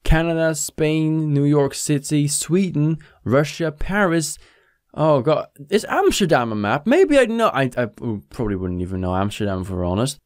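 Excitable gamer, lively pitch. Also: male voice, moderate pace, no echo, studio quality. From Netherlands. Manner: excitable, swears often, talks to himself. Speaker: gaming YouTuber. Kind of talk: let's play commentary.

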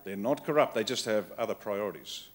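A man's voice: lowish voice, animated, a little fast. An Australian man giving a political keynote speech at a conference, blunt and wry in short punchy phrases. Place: conference hall with live audience.

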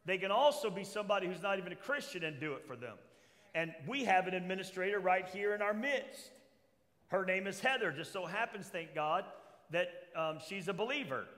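A man's voice: high-pitched, expressive, fairly quick, fairly bright tone. An older man preaching a sermon to his congregation in a church hall, reading scripture and asking the listeners questions. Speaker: pastor. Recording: long hall reverb.

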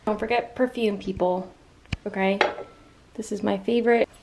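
Filming her day at home, a young woman vlogger speaks with a gravelly, medium-pitched voice, a steady tone, and a moderate pace. Her talk is casual and informal, made of short phrases as she thinks aloud. A camera mic a few feet off captures her in the apartment kitchen and rooms, giving distant, roomy, noisy sound.

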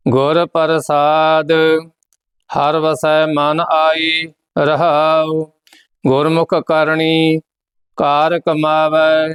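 Guy chanting scripture for a lesson, real slow, pretty high voice, super clear. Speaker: scripture teacher.

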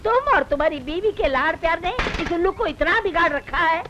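A woman's voice: expressive, fairly quick, noisy background. An actress playing a short-tempered old grandmother in a dubbed film, scolding her lazy grandson. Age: older. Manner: scolding, shrill. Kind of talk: Hindi film dub acting.

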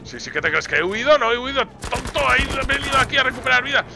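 A man commentating his own gameplay, shouting and repeating words in bursts. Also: very high voice, big pitch swings, quick pace, creaky, heavy background noise. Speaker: gaming YouTuber. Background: game music and gunfire.

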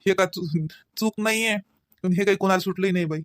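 A man voicing a gentle, forgiving middle-aged father-in-law. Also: sits high, a little fast, no room sound, clean studio sound, natural voice. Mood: consoling. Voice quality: gentle, consoling.

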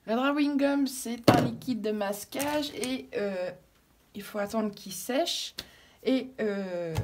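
Working at home with her daughter close by, a craft tutorial vlogger casually explains a technique as she goes. Her voice is a little high, she hesitates often, using fillers and restarting, and there's slight background noise.

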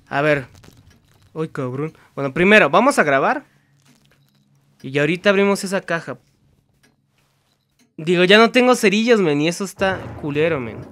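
Slightly high and carrying a faint hiss or hum, this young Mexican-accented man narrates his horror gameplay. He curses nonstop, mutters to himself, and now and then erupts in scared shouting.

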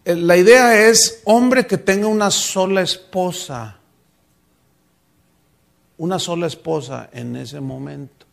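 Pastor mexicano de voz alta y rasposa, predica conversando y preguntando a la congregación. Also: male voice, high-pitched, slow, pauses often. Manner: conversational preaching, asks the congregation questions. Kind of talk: sermon.

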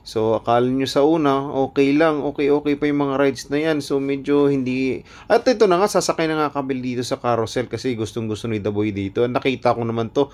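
A man's voice: medium pitch, brisk, darkish tone. A man vlogging casually at an outdoor night carnival, joking about himself and laughing often, recorded on a phone camera. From Philippines. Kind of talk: casual vlog narration.

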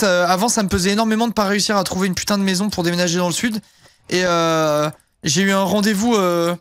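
Young male streamer, high voice, rambling casual chat, dry close sound. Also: a bit bright, dry recording. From southern France. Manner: rambling, heavy fillers, casual swearing. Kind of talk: casual live-stream chat while gaming.

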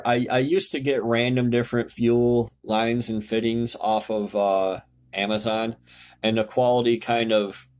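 A man with a medium-pitched, slightly mellow voice gives a casual, blunt tutorial over a screen share at home. He's a car tech YouTuber explaining fuel systems, occasionally swearing and correcting himself along the way.

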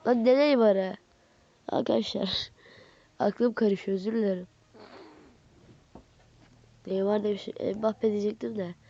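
A young woman with a stuffy nose, giving casual, excitable commentary as she opens card packs in a game, swinging from muttering to squealing. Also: medium pitch, a little slow, creaky, long pauses, muffled recording. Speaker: gaming YouTuber. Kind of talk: casual pack-opening commentary.

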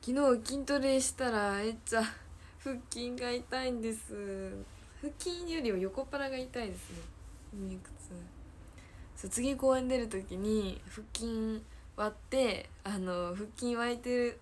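A teenage girl with a Kansai accent chats on a livestream in a fairly high voice, giggling as she reads viewer comments aloud. She repeats her own phrases in a chatty, playful way. A faint hiss sits under her voice. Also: measured pace. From Hyogo, Japan. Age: teens. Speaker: idol trainee livestreamer. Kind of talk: casual livestream chat reading viewer comments.

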